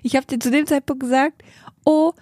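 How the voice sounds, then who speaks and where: A woman's voice: high voice, steady tone, brisk, darkish tone, dry recording, studio quality. Giggly young woman on a podcast. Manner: giggly, apologetic. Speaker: podcast co-host. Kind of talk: casual chat.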